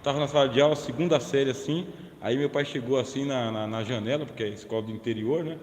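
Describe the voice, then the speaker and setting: Joking Brazilian pastor in an echoey hall. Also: male voice, medium pitch, fast talker, darkish tone, slight background noise. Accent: Brazilian Portuguese. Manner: jokey, chatty, asks the audience questions. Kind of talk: humorous sermon-lecture.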